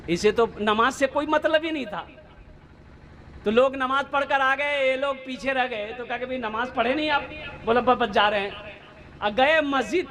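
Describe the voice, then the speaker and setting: Male preacher giving a fiery sermon, really high-pitched, keeps repeating lines for punch. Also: fairly bright tone, a little hiss or hum. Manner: impassioned, exclamatory, repeats phrases for emphasis; acts out dialogue in anecdotes. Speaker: Islamic preacher.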